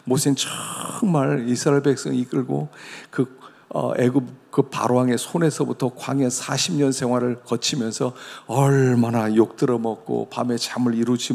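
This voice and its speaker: A male pastor delivers a sermon in a gravelly, husky voice of middling pitch. He preaches conversationally, tossing rhetorical questions at his listeners. A long reverb from the church hall hangs behind every phrase. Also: fairly even intonation, moderate pace, hardly any pauses, a little mellow. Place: church sanctuary.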